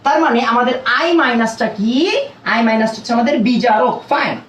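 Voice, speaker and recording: A man's voice: very high-pitched, fairly bright tone. A young man, teaching a live online chemistry class. He talks casually and keeps throwing questions at his students. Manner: quick, chatty, keeps prompting students with questions. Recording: roomy echo.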